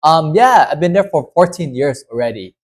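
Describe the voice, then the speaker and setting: A man's voice: fairly high pitch, lively intonation, moderate pace. Man presenting at a workshop. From southern Vietnam. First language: Vietnamese. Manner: earnest, filler-heavy, looping phrasing. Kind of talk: casual workshop talk.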